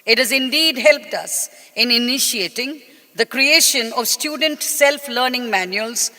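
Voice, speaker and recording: Middle-aged woman, posh educated Indian accent, bright projected voice, measured ceremonial delivery in a reverberant hall. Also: on the high side. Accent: educated Indian English. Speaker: school principal giving a welcome address. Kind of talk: formal scripted ceremonial speech.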